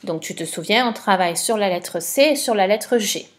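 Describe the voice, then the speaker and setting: A woman's voice: medium pitch, expressive, normal speed. A woman teacher giving a patient dictation lesson for a child, spelling letters and syllables one by one.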